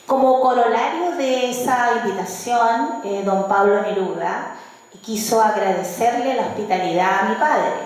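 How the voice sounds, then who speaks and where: A woman presenting a book at a launch event, speaking slowly with hesitant fillers and reciting verse. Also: fairly high pitch, a little mellow. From Chile. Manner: slow, measured, with hesitant fillers. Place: event hall. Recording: very echoey hall, mic at a distance.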